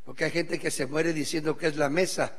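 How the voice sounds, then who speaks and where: A middle-aged man preaching a sermon as pastor, swinging from quiet asides to shouted exhortation and speaking plainly to the congregation. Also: on the high side, steady tone, brisk, breathy edge, long reverb tail. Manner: colloquial, addresses the congregation as brothers.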